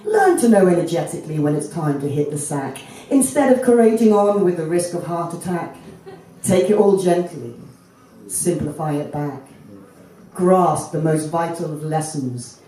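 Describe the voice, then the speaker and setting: A spoken word poet in their thirties, born in Fiji and raised in Jamaica, performs at a stand mic on an outdoor festival tent stage with a rhythmic, emphatic delivery. The mid-range voice has lively intonation, a moderate pace and a dark tone, with slight background noise. Filmed from the audience, the recording sounds echoey and distant.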